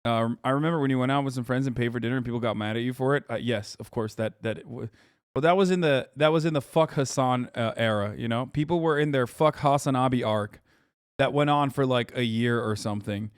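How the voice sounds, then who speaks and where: With a smooth, mid-range voice running a little fast, a man in his thirties reacts to videos on a live stream. He jokes with his chat bluntly and casually, swearing often, and the audio is studio quality without echo.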